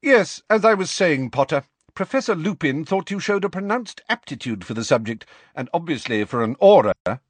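Man voicing Professor McGonagall, stern high-pitched older woman. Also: lively intonation, normal speed, hardly any pauses, dry recording. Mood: businesslike. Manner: clipped, curt, through gritted teeth when provoked.

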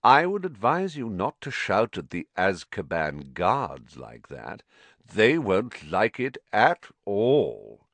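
Man playing a smug, unhurried sneering aristocrat. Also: on the low side, huge pitch swings, creaky, a bit bright, no echo, heavily acted. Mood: smooth, threatening. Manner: unhurried, smug, oily politeness. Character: sneering, smooth, lazily menacing aristocratic man. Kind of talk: audiobook character acting.

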